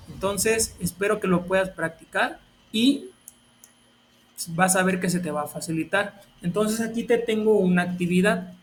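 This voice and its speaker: A man's voice: high voice, a little hiss or hum. A man, teaching a grammar lesson step by step in a patient, explaining way.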